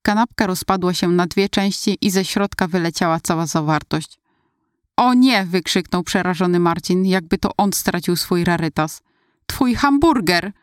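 Low-voiced woman reading a story. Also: steady tone, moderate pace, clean tone, dry recording, clean studio sound. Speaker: audiobook narrator. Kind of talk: first-person scripted narration.

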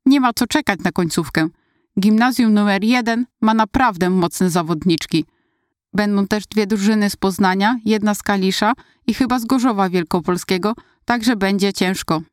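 A woman's voice: medium pitch, normal speed, dry recording, clean studio sound, lightly acted. A woman voicing a pushy middle-aged male school track coach who gives urgent, rallying commands.

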